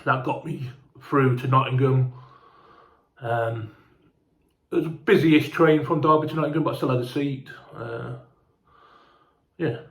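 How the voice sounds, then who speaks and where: A man's voice: mid-range voice, unhurried, vocal fry, fairly bright tone, roomy sound. A man telling a casual, rambling travel story, sweary and chatty, sounding hungover and unwell. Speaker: fan vlogger.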